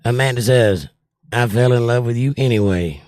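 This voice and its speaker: Reading his chat aloud on a livestream, this older host answers viewers in a casual way. He speaks at medium pitch and normal speed, with a darkish tone and a voice worn by years of trouble, captured in clean studio audio with no room sound.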